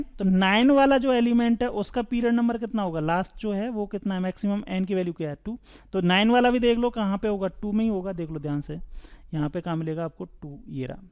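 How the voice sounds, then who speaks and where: A man's voice: high voice, a little mellow, clean tone. A man teaching chemistry at a board in a casual, chatty way, asking the class questions and answering them himself. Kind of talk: board lesson.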